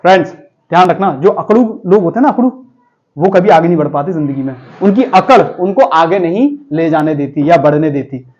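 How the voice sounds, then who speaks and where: A man's voice: on the high side, animated, brisk, a little mellow, lo-fi sound. A man teaching a vocabulary class, explaining word meanings with memory tricks and asking his students questions.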